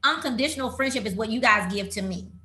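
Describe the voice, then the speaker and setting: A talkative woman in her fifties hosting a casual chat with friends, animated and laughing often. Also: a little high, fast. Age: 50s. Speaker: host.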